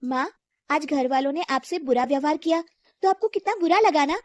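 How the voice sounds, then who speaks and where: A woman's voice: high-pitched, moderate pace, no room sound, voice pushed up, natural voice. A woman voicing a young schoolgirl daughter with a whiny, insistent voice. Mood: gentle.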